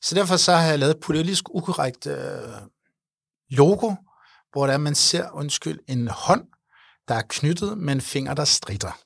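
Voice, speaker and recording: A man in his forties, an event organizer, telling his story in an earnest, animated way during an interview. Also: fairly high pitch, vocal fry, husky, dry recording, clean studio sound. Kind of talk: interview conversation.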